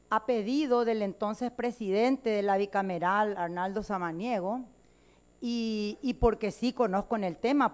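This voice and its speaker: Combative Paraguayan congresswoman. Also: mid-range voice. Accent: Paraguayan Spanish. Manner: combative, emphatic, indignant. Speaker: legislator. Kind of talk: parliamentary floor speech. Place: legislative chamber.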